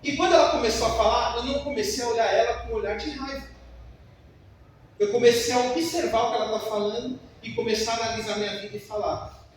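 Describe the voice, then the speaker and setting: A man's voice: very high voice, steady tone, fast, a little hiss or hum. A man preaching a sermon in a church, emphatic and full of personal stories. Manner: emphatic, storytelling. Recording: echoey church hall from far off.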